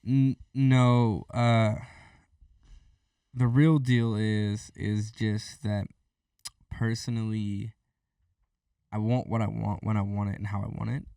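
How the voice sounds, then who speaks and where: A man's voice: lowish voice, flat delivery, slow pace, creaky, long pauses, warm tone, clear, resonant tone, dry recording, clean studio sound, recorded from a distance. Intense, emotional man on a podcast. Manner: emotional, intense, repeats himself, swears freely. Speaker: podcast co-host, forex trader. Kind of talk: candid podcast conversation.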